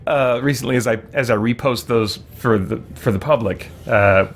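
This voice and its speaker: A medium-pitched man speaking at a normal pace gives rambling, self-deprecating commentary as a streamer hosting a let's play. Game music plays behind his voice.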